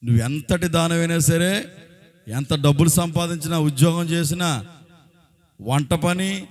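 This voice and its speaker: A man's voice: a little high, a little slow, a little mellow. A man from Andhra Pradesh preaching as a pastor, exhorting the congregation with rhetorical questions in a colloquial way. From Andhra Pradesh, India. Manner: exhorting, often breaking into short acted quotes and raising his voice. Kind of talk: sermon.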